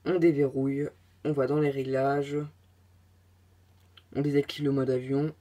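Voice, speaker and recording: With a medium-pitched, mellow and relaxed voice, a man narrates a casual tech tutorial one step at a time. His speech is halting, thick with filler sounds, and he drifts into chatty asides.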